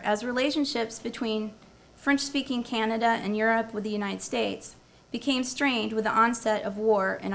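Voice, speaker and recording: Gravelly-voiced woman giving an academic talk. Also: on the high side, a bit bright. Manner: engaging, quizzes the audience and repeats their answers. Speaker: university professor presenting at a symposium. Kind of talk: academic presentation with audience quiz. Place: lecture room before a live audience.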